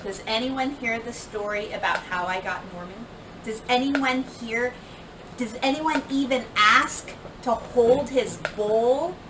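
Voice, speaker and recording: Through a distant mic in a roomy space with noticeable background noise, a teacherly woman reads a picture book to children slowly. Her voice sits on the high side, and she performs the words with animated emphasis, voicing the dialogue and sound effects expressively.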